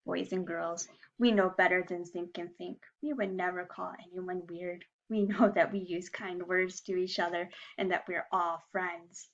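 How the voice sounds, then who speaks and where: A woman teacher reading and giving lesson instructions to young children in a singsong, simple, deliberate way. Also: on the low side, little pitch movement, lo-fi sound. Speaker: early-years teacher.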